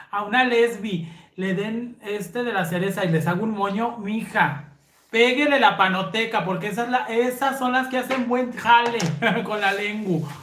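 A host with a Mexican Spanish accent tells her viewers raunchy, casual stories in a brassy, slangy style, laughing often and calling them sisters. Her voice is medium-pitched and the sound is roomy.

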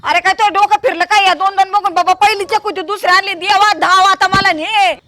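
A woman's voice: high voice, expressive, a little fast, pushed and bright, exaggerated voice. A woman playing an older exasperated village mother who scolds and wails in a comedy sketch. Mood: scolding. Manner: scolding, wailing exclamations.

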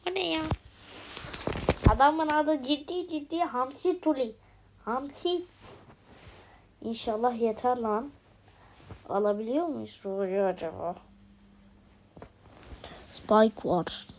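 A woman's voice: a little high, takes it slowly, pauses often, slight background noise. A woman commentating her own mobile game, exasperated, exclaiming and pleading at the screen. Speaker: gaming video host.

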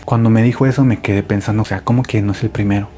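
A man's voice: lowish voice, steady tone, racing, mellow. A man narrating a listener's story in the first person, in a confiding, playful way. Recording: muffled audio with music underneath.

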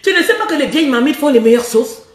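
A woman coaching women on love, with a hoarse voice, talking in a bold, teasing and playful way and laughing often as she speaks straight to her listeners. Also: high voice, lively intonation, fast talker, reverberant, distant mic. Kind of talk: frank advice monologue to women viewers.

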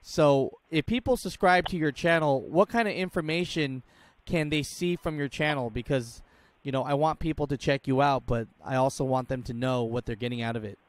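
The host, a man in his thirties, speaks at medium pitch and normal speed during a casual interview. He talks with encouraging enthusiasm into a studio mic while wearing headphones.

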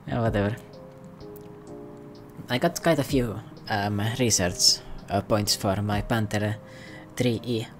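A man's voice: on the low side, takes it slowly, pauses often, faint music behind. A man giving casual, self-mocking, rambling commentary over his gameplay. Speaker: gaming commentator.

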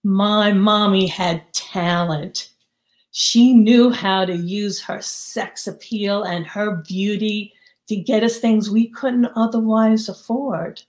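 Woman telling a story about growing up, lively, slow and echoey. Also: mid-range voice. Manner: lively, theatrical storytelling with voices. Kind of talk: told personal story for an audience.

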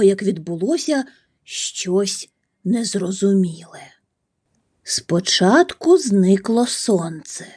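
A woman reading a children's story aloud, gentle and soft, sometimes dropping to a whisper. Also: on the low side.

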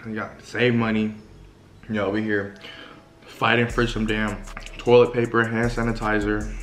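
Eating on camera indoors in a large living room, a twenties-aged vlogger rambles casually in slang and talks with his mouth full. His voice sits on the low side, level in tone, moderately paced and fairly bright, and the camera a short distance off picks up a roomy sound.

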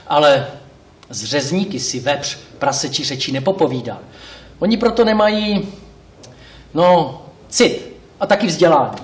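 A man playing a talkative, wistful male pig who rambles, corrects himself, speaks straight to the audience and bursts into indignant shouts, on a theatre stage. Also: fairly high pitch, lively intonation, long pauses, recorded from a distance, natural voice. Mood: rueful. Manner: rambling, self-correcting, addresses the audience directly. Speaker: stage actor. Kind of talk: live stage monologue. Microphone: distant room mic. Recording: roomy live stage recording from afar.

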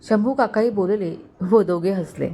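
A woman storyteller narrating a romantic family story in a calm, steady reading voice. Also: medium pitch, a little slow, breathy edge.

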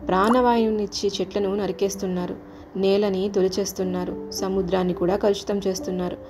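A woman's voice: medium pitch, lightly acted. A woman voicing motherly Earth goddess. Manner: motherly, scolding then soothing. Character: motherly female Earth goddess, caring but worried.

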